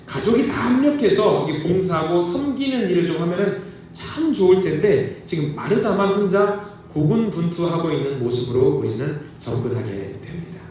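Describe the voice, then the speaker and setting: A middle-aged male pastor preaching a casual, animated sermon and asking the congregation questions. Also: on the high side, a little hiss or hum. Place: church sanctuary. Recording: echoey church hall heard from a distance.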